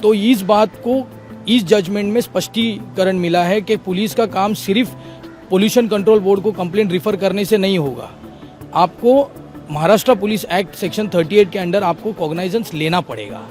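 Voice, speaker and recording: Speaking at a normal pace in a high, slightly mellow voice, a man representing the petitioners explains legal points methodically to a news interviewer. He mixes English legal phrases into his answers, with faint music in the background.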